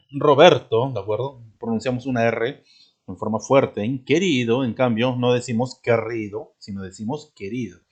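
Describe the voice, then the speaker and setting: A man's voice: medium pitch, normal speed. Patient man teaching a spelling lesson. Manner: checks in constantly with "¿de acuerdo?" and "¿no?"; clears his throat often.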